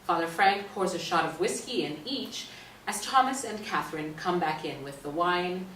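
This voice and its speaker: A woman narrates a staged play reading, speaking the stage directions at a moderate pace in a fairly low, fairly bright voice. The mic sits at a distance on an indoor stage, so the recording sounds roomy with faint noise.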